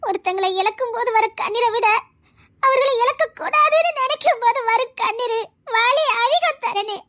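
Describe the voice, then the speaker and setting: Woman playing a stubborn, devoted young lover, very high and bright. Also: moderate pace. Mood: tearful, pleading. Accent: Tirunelveli Tamil. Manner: tearful pleading turning to playful teasing. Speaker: lead character in a comedy skit. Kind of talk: melodramatic skit acting.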